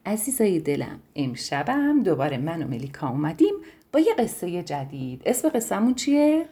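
A woman narrating a bedtime story for children, gentle and soothing. Her voice is mellow and a little husky, and her pitch rises and falls in a lively, sing-song way.

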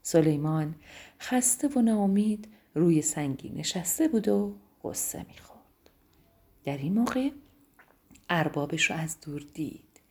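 A woman telling a bedtime story to children, in a soft, hushed voice that often drops to a whisper. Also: deep voice, animated, long pauses.

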